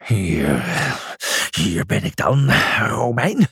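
A man voicing a huge menacing, slow-witted sheep warrior, growling and halting, in a children's audiobook. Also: lowish voice, big pitch swings, gravelly, fairly bright tone, breathy edge, no echo, studio quality, pitched below the performer's own voice, exaggerated voice. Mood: dim, gruff. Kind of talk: acted children's story audiobook.

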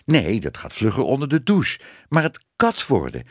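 A man's voice: medium pitch, huge pitch swings, normal speed, no room sound, clean studio sound. A man reading a storybook aloud, voicing a shy young woman who was once a cat and speaks hesitantly. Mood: timid. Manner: hesitant, stammering. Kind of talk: audiobook reading.

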